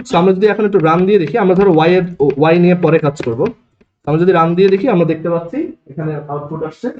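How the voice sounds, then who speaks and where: A man with a Bangladeshi Bengali accent lectures a room of students, walking them through each step and checking they follow. His voice sits high. The room is echoey and the recording sounds dull and lo-fi. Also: darkish tone. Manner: explains step by step, asks the class checking questions. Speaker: programming teacher. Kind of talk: classroom lecture. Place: classroom.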